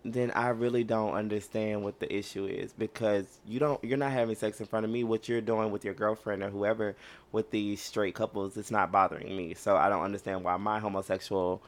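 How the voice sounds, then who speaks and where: A young man with a low voice co-hosts a casual podcast. He speaks bluntly, with passion and plenty of swearing. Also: level tone, brisk. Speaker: podcast co-host.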